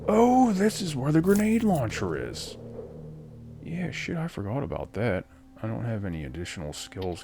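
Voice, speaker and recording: Low-voiced guy rambling crude jokes while playing, loud game music behind. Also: creaky. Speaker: gameplay commentator. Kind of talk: casual let's-play commentary.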